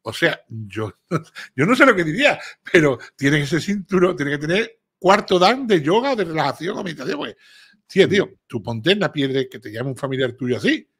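A man's voice: fairly high pitch, brisk, husky. A man from Seville with an Andalusian accent, talking through a true-crime series on a casual live stream and acting out quoted dialogue. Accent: Andalusian Spanish. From Seville, Spain. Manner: animated, acts out quoted dialogue, swears casually.

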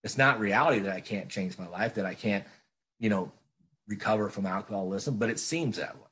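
Husky earnest man sharing. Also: fairly low pitch, fairly quick, a bit bright. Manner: earnest, plainspoken, repeats phrases for emphasis. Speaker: recovery meeting speaker. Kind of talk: speaker-meeting share.

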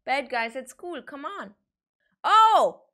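A young woman streaming a game, commenting excitably and often breaking into shrieks and exclamations. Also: high voice, slow.

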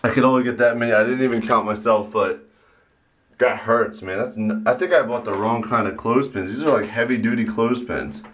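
A man's voice: medium pitch, a little fast, fairly bright tone. A man in his twenties chatting casually to a handheld camera in a small bathroom as he vlogs. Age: 20s. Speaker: vlogger. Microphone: handheld compact camera at arm's length.

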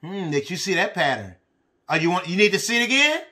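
A middle-aged man teaching young children, animated and encouraging, using simple repeated phrases and questions as if talking to toddlers. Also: high voice, fairly quick. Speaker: preschool and kindergarten teacher. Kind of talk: children's lesson addressed to young pupils. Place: small indoor room with bookshelves.

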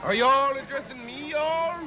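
A man's voice: very high-pitched, a little slow, crowd noise. A man playing a boastful, pompous young Texan cowboy hustler who drawls and tags every phrase with y'all in a sketch comedy. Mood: drawling, friendly. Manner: drawls, ends every phrase with y'all, then turns haughty and fussy. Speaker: comic actor.

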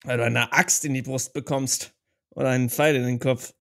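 A man's voice: medium pitch, fairly even intonation, normal speed, creaky. A man playing his knight character in a tabletop role-play, talking in a reflective, hesitant way. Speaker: player.

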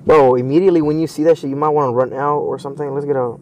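A man's voice: fairly high pitch, fairly even intonation, racing, a little mellow, lo-fi sound, slight background noise. A young man giving casual horror game commentary as a streamer, scared and jumpy, exclaiming and repeating himself. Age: young adult. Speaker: gaming streamer.

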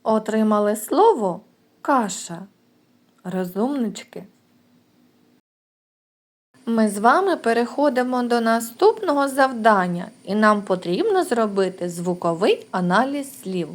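A woman kindergarten teacher giving a recorded lesson to young children, sounding out words slowly and clearly. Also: fairly high pitch, sing-song.

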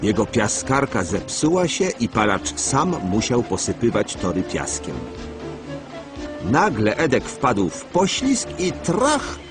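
A man giving scripted, expressive storybook narration for a children's cartoon. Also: medium pitch, slow. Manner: expressive, animated reading. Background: background music.

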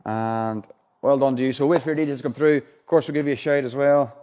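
A man's voice: medium pitch, steady tone, fast, a little mellow. A man of around forty informally presenting a live prize draw in a chatty, colloquial way. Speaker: competition draw host. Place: indoor showroom unit with a car and screen.

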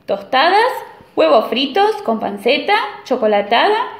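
A woman's voice: high voice, sing-song, unhurried, heavily acted. A woman voicing a vain, fussy male wolf from a children's story, showy and pleased with himself, recorded in an echoey room. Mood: self-satisfied.

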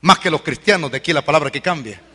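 A man preaching an evangelical sermon, fervent and repetitive, rising to shouted peaks. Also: on the high side, fast, long reverb tail. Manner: fervent, swings to shouted peaks, repeats calls to convert.

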